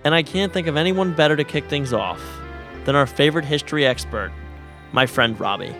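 A man's voice: on the high side, fairly quick, fairly bright tone, faint music behind. A man hosting a podcast, speaking in a dry, wry scripted way. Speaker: podcast host.

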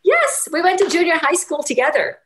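A woman from Portugal, a guest telling stories from her life in a lively, animated way. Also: very high voice, a little fast, poor audio. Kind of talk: casual interview.

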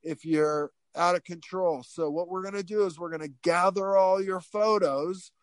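A chummy, hyped Australian man as a storyteller puts him on rallies a waiting crowd in a raised, bright voice. The sound is close and dry, with no room around it. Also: high voice, steady tone, moderate pace, no echo, voice pushed up, natural voice. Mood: announcing. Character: upbeat Australian man, airport crowd handler.

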